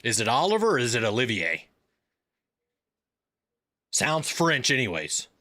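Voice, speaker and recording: A man's voice: medium pitch, very animated, measured pace, bright, forceful tone. A man in his thirties hosting a live stream, chatting casually and telling rambling stories. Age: 30s. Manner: rambling storyteller with filler words and restarts.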